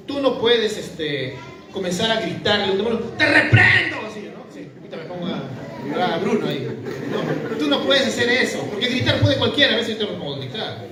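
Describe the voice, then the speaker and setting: A man preaches in a high voice. He keeps throwing rhetorical questions at his listeners in an easy, conversational sermon. The mic sits well away from him in a very echoey hall, with a crowd clearly audible. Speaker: pastor. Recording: echoey room from far off, with a crowd.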